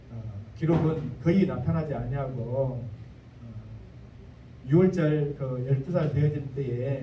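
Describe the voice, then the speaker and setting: A man's voice: fairly high pitch, mellow, highs cut off, slight background noise. A male pastor with a Jeolla accent preaching a sermon in a folksy, joking manner with dialect asides. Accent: Jeolla Korean. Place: church sanctuary. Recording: echoey church hall, mic at a distance.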